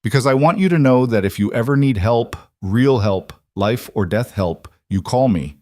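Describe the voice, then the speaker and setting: A man voicing a huge scarred male fighter who talks slowly and gravely, with a heavy accent and broken grammar. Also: medium pitch, lively intonation, a little mellow, dry recording, clean studio sound, close to an everyday voice. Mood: solemn.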